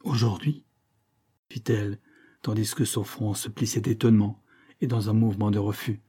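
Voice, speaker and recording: Man, audiobook narrator, measured, dramatic, husky. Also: lowish voice, little pitch movement, warm tone.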